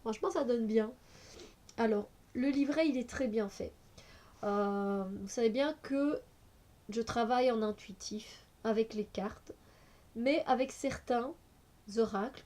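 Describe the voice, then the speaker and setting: A woman's voice: fairly high pitch, dark tone. A woman with a cold, reviewing an oracle card deck in a casual, hesitant way with many fillers. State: has a cold.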